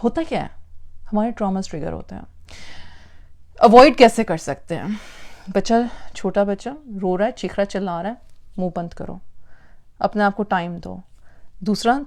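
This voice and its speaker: Speaking in a medium-pitched, slightly mellow voice, the woman lectures on parenting with emphasis, weaving in English words and repeating phrases to drive her points home.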